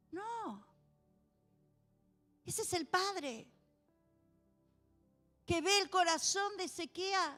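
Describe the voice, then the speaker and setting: A woman pastor with a Rioplatense accent preaching a sermon, swinging between loud proclaiming and soft, low pleading. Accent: Rioplatense Spanish. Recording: music under a long church reverb.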